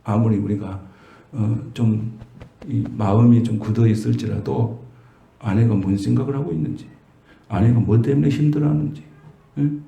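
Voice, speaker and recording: A man's voice: medium pitch, moderate pace, gravelly, pauses often, dark tone, lo-fi sound, slight background noise. Man, middle-aged, pastor, sermon, rhetorical questions, roomy church echo. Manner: conversational preaching, rhetorical questions to the congregation. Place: church sanctuary. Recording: echoey church room.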